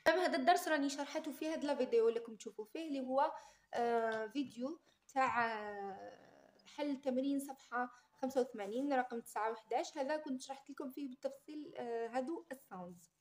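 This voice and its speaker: A young woman English teacher with an Algerian Arabic accent, reviewing for an exam. She says English words slowly and carefully, then explains them in quick Arabic asides. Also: high-pitched, roomy sound.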